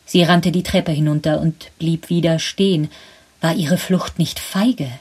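Husky woman narrating a story. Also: low-pitched, steady tone, measured pace, darkish tone.

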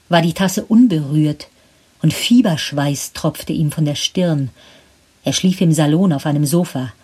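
A woman narrating a story in measured scripted storytelling with a husky voice. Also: low-pitched, darkish tone.

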